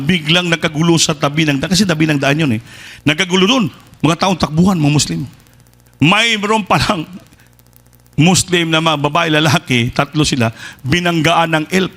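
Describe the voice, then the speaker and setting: A man preaching a sermon and telling a testimony in a lively storytelling way, acting out the people he quotes. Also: a little high. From Philippines. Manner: lively storytelling, switches between Tagalog and Visayan, acts out quoted people.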